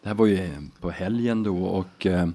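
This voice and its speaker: A middle-aged man from Sweden, a podcast guest, telling a story in a relaxed, halting way with frequent tag questions. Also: low-pitched. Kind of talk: casual storytelling.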